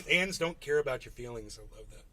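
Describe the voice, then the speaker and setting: A man's voice: medium pitch, fairly bright tone. A man hosting a casual livestream, talking bluntly to his chat and swearing freely. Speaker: livestream host.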